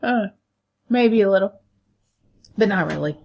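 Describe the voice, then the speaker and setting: A woman's voice: mid-range voice, expressive, a little slow, creaky, a little mellow. A woman co-hosting a podcast in casual, joking, blunt banter, with a stuffy nose from a head cold. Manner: joking, blunt, swears freely. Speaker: podcast co-host. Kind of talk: casual banter and film chat.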